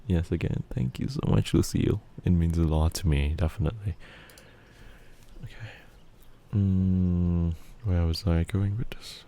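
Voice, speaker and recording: A man's voice: sits low, unhurried, dark tone. A young man from Malaysia, reading a bedtime story ASMR-style and chatting relaxedly with viewers. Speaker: storyteller streamer.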